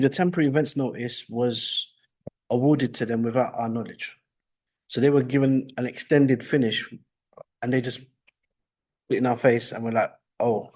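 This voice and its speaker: A soft-spoken, hesitant man making his case as an applicant before a council licensing committee. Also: medium pitch. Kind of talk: formal hearing testimony. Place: council meeting room. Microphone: meeting room microphone.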